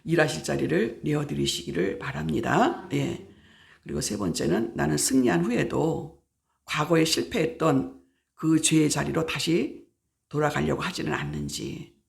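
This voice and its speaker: Her voice is low, gravelly and expressive, moving at a moderate pace. The middle-aged woman pastor, speaking at a prayer meeting, emphatically repeats key words and plays out ordinary dialogues to make her points.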